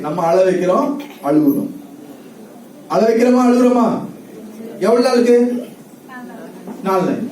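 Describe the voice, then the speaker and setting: A man's voice: very high voice, mellow, recorded from a distance. Male preacher, interactive sermon, laughs a lot; echoey hall, faint noise behind. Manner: asks the audience questions and repeats their answers; laughs often while talking. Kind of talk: sermon with questions to the congregation.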